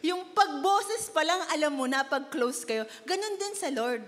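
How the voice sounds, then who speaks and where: High-voiced woman preaching in a reverberant hall. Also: animated, measured pace. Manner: chatty, rhetorical questions, mixing Filipino and English. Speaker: youth worship speaker. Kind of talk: conversational sermon.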